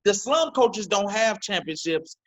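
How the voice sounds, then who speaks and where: A man co-hosting a sports podcast, talking casually and emphatically and repeating words when he gets excited. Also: high voice, unhurried, rough recording. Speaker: podcast co-host. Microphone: video call.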